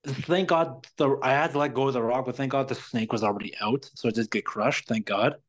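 A man's voice: medium pitch, brisk. A man telling a long story in casual chat, rambling and swearing, exasperated with careless people. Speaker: podcast guest.

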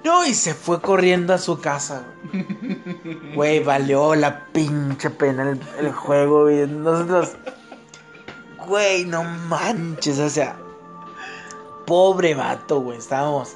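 A man, hosting a podcast and telling an anecdote in a slangy, animated way. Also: slow, long pauses, soft background music. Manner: slangy, animated, shifts into high squeals when quoting others. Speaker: podcast host. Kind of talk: casual storytelling chat.

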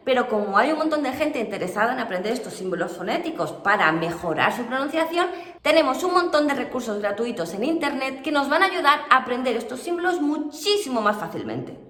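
Chatty, high-voiced teacher in a roomy space. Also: female voice, a little fast. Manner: chatty, lively, slangy. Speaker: English teacher. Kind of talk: casual online lesson.

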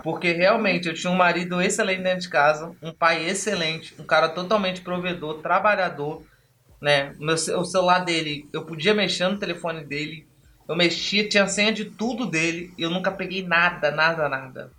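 A man hosting a podcast who tells a story in a lively way and acts out the dialogue. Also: high-pitched, moderate pace, slight background noise. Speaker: podcast host and trainer. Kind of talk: storytelling talk.

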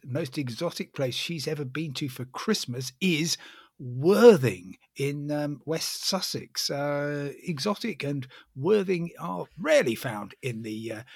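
A man's voice: medium pitch, slightly rough, no echo, clean studio sound. A man co-hosting a podcast about travel, reading listener messages and telling his own stories with wry understatement. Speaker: podcast co-host. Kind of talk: casual podcast chat.

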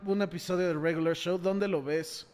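A man's voice: sits high, fairly even intonation, normal speed, in a large hall, over a noisy crowd. A man with a Mexican Spanish accent, co-hosting a casual chat among friends, slangy and argumentative. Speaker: podcast co-host.

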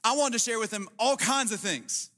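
A man's voice: extremely high pitch, normal speed. A young adult man, a pastor, preaching a casual sermon full of jokes and stories. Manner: casual, joking, animated storytelling with many "like"s. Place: church auditorium. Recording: long reverb of a large hall.

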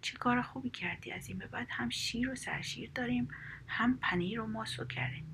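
A woman voicing a loving, cheerful old wife in a whispered role-play, warmly delighted. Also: medium pitch, creaky.

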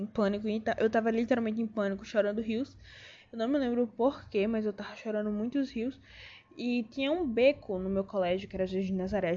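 A woman's voice: mid-range voice, darkish tone. A young woman with a Brazilian Portuguese accent, chatting to viewers in a casual, rambling way, full of slang and restarts. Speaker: vlogger. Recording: dull lo-fi sound.

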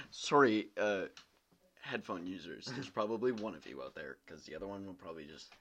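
A young man co-hosting a casual podcast, his bright voice bouncing up and down in pitch. He jokes constantly and breaks into giggles. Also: lively intonation, fairly quick, slight background noise. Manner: giggly, jokey, laughs often. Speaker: podcast co-host. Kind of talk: casual chat.

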